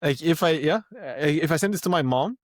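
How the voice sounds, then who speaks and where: A man from Brazil co-hosting a casual tech podcast, easygoing and quick to laugh. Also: a little high, animated, dry recording, clean studio sound. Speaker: podcast co-host.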